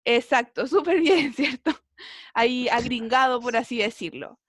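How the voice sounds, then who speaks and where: Woman, English teacher, online class, video call mic, encouraging, high voice, dry sound. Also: unhurried, dry recording. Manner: encouraging, often checks with "¿cierto?".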